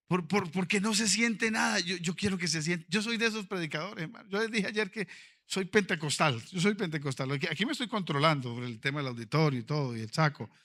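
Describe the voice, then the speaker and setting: A high-voiced, bright male pastor, preaching to an auditorium. He tells stories softly, then rises into fervent, ringing exclamations. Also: brisk. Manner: animated preaching, swinging from quiet storytelling to fervent shouting. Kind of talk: sermon. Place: convention auditorium.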